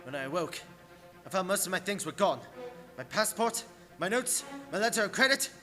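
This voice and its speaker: High-voiced, anxious English gentleman captive played by a man. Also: animated, moderate pace. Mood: fearful, desperate. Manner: earnest, suspenseful, theatrical. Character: Jonathan Harker, anxious English gentleman, dread-filled captive diarist. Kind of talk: dramatic radio play narration. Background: music.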